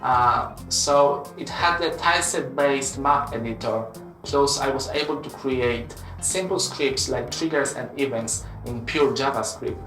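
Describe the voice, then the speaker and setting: A man in his late twenties from Poland, speaking English with a Polish accent as he earnestly tells his own story on his channel, pausing on frequent "uh" fillers. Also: mid-range voice, pushed and bright. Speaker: web developer and channel host. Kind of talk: personal story vlog. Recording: roomy echo from a distance with music.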